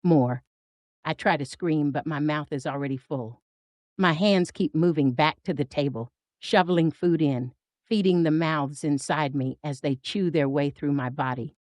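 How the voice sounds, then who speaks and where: A woman reading a first-person horror story in an intense, expressive, dramatic style. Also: sits low, moderate pace, no room sound.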